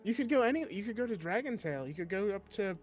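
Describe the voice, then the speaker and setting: Man playing his character, earnest, a bit formal, somewhat high voice, faint music. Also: lively intonation, fast talker. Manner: earnest, slightly formal speech. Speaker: player. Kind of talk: in-character tabletop role-play.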